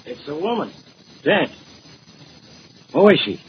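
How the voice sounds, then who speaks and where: An actor playing a blunt, grumbling, easily outwitted police inspector in 1940s radio detective style. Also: male voice, a little high, very animated, slow. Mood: startled, urgent. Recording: muffled old radio recording, clear hiss.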